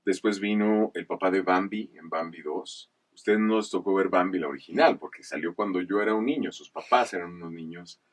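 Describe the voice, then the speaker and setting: A man from northern Mexico, a voice actor, telling stories from his career in a measured, explanatory interview manner. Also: sits low. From Chihuahua, northern Mexico. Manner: measured, explanatory, animated asides. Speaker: voice actor guest. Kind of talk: casual interview storytelling. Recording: voice slightly distant from the mic.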